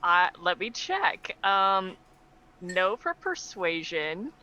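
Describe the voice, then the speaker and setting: A woman's voice: fairly low pitch, sing-song, takes it slowly, bright, forceful tone, highs cut off. A woman casually improvising as a tabletop game player, hesitant and thinking aloud.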